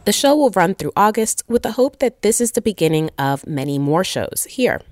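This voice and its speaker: A woman reporting for radio, reading a scripted narration in an expressive, clear manner. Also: medium pitch, normal speed, no room sound. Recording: dry close-mic voice-over.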